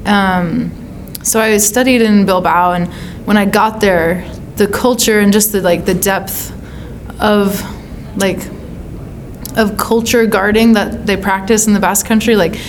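A woman's voice: mid-range voice, steady tone, measured pace, slight background noise. An American woman from California answering as an interviewed songwriter, in a casual, thoughtful style with searching phrasing. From California, United States.

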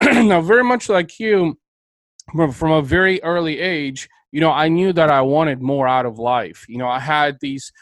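A man's voice: a little high, moderate pace, no echo, low-quality recording. Upbeat male podcast host. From Bulgaria. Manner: enthusiastic, motivational, emphatic. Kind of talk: interview conversation.

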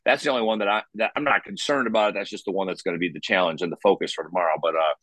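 A man talks quickly and loosely. He rambles, restarts his sentences and fills them with "you know". The voice sits a little low and the sound is dry and close. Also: fairly even intonation, a bit bright, no room sound. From Chicago. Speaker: musician guest. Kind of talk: casual interview chat.

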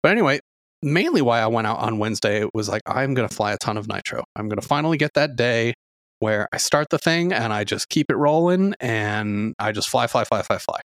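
A man's voice: medium pitch, lively intonation, a little fast, fairly bright tone, no room sound, studio quality. Rambling middle-aged man hosting a podcast. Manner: rambling storyteller, lots of fillers. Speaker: podcast host. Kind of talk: casual podcast chat.

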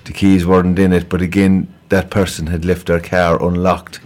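A man's voice: low-pitched, flat delivery, normal speed, darkish tone. A man with a Kerry accent from Ireland giving an informal police appeal as a radio guest, conversational and hesitant, often repeating words. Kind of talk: informal crime report interview on local radio.

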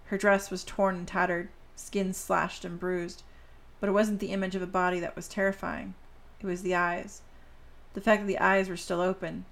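A woman's voice: on the low side, vocal fry. A woman hosting a podcast, reading a story aloud and talking directly to her listeners. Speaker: podcast host.

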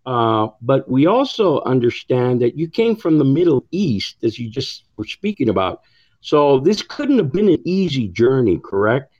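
Polite pastor on a dull, dry line. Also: male voice, mid-range voice, a little mellow, no echo. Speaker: pastor and co-host. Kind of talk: interview questions.

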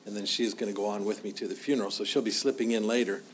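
A middle-aged man teaching as a pastor in an informal, halting, conversational way, often repeating himself. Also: lowish voice, steady tone, slight background noise.

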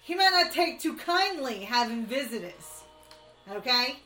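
A woman playing a tabletop game, speaking in a playful, drawn-out way. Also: high-pitched, very animated, bright, forceful tone, reverberant, soft background music, poor audio. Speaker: player. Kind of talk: casual tabletop play.

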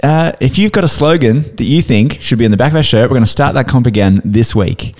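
A man's voice: medium pitch, animated, quick pace, darkish tone. Chuckling podcast co-host, man. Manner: rambling, chuckling often. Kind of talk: casual podcast banter.

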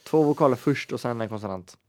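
A man's voice: mid-range voice, warm tone, dry recording. A man co-hosting a podcast in casual chat, joking and laughing often. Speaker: podcast co-host.

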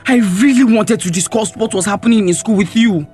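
A young man with a Nigerian accent voices a neglected teenage son in a radio drama, sounding aggrieved and accusing. His voice sits very high, and soft music plays faintly underneath. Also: fairly quick, close to an everyday voice. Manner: confrontational, accusing.

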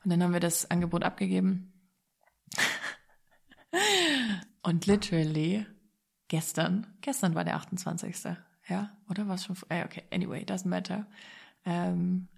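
A woman with a lowish voice and a gravelly, creaky edge tells a personal story. She talks casually and with excitement, sprinkling English words through her sentences. Her telling stays loose and animated. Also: measured pace, long pauses.

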